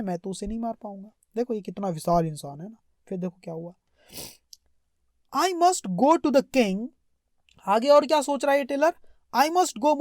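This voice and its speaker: A woman's voice: fairly high pitch, mellow, no echo, studio quality. A woman teaching English. She reads a story in English and explains each phrase in Hindi, often asking questions back to her students.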